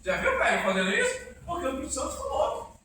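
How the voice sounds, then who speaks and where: A man preaching an informal church sermon, animated and quizzing the congregation. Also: very high-pitched, quick pace. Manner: animated, asks the congregation questions, acts out quotes. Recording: echoey room from far off, faint noise.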